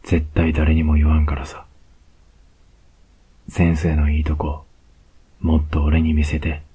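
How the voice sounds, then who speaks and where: A man with a Kansai accent playing a cocky young male student who teases his teacher, in a whispered role-play with a slow, close murmur. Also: rumbling low, completely flat delivery, breathy edge, exaggerated voice. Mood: teasing. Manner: slow, close, teasing murmur with soft laughs.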